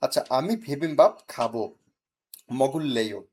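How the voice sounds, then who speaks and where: A Korean teacher with an animated, medium-pitched voice and a darkish tone fixes a student's reading mistakes. He goes over words slowly one syllable at a time, with a bit of teasing.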